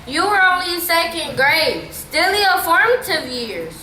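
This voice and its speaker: A woman's voice: very high voice, very animated, measured pace, sharp tone. A young woman narrating a school stage play in a mock-solemn, sympathetic manner. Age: young adult. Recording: echoey auditorium from far off, audience noise.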